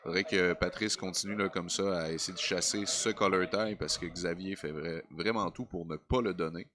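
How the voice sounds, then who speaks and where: A man's voice: deep voice, steady tone, moderate pace, a bit bright, slight background noise. A man with a Quebec French accent giving analytical live grappling commentary in a colloquial, explanatory way. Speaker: combat sports commentator.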